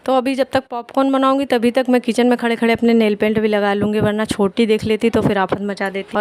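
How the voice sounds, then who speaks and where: A woman chatting through a family vlog at home, tired from fasting. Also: on the high side, darkish tone, clear, resonant tone. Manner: chatty, homely storytelling. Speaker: vlogger.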